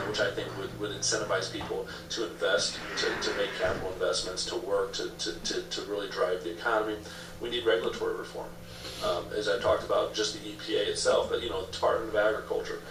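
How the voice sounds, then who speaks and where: Heard from afar in a roomy, echoey space with background noise, a man speaks quickly in a fairly low voice. He argues emphatically, reusing the same phrasing, much like a candidate in a political interview.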